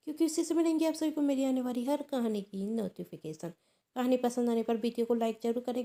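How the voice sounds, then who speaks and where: A woman hosting her own story channel, reading a family tale aloud in a scripted narration style. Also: high-pitched. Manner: brisk, lively channel intro then steady reading.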